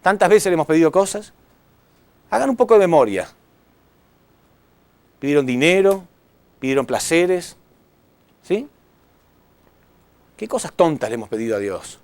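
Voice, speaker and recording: A man preaching a sermon to a congregation, impassioned, swinging between loud appeals and hushed words, often asking the audience questions. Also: a little high, big pitch swings, normal speed, long pauses, no room sound. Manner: addresses audience with rhetorical questions.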